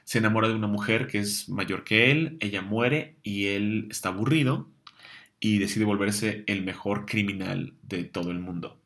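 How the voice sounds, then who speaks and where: Casting: young host, gravelly low voice, loose talk with plenty of fillers. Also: male voice, moderate pace, a bit bright. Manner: chatty, many fillers and restarts. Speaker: comics show host. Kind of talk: casual comics chat answering viewer questions.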